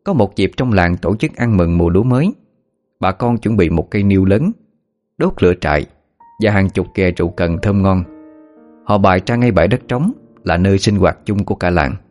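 Guy narrating a story, lowish voice, faint music behind. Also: a little fast. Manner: steady, even storytelling. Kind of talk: scripted narration.

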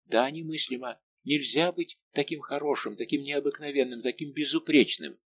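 Brief: a male reader playing a young noblewoman, raised pitch, emotional and imploring. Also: normal speed, fairly bright tone, a little hiss or hum, natural voice. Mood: anguished. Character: young French noblewoman, tearful, pleading. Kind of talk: audiobook dialogue reading.

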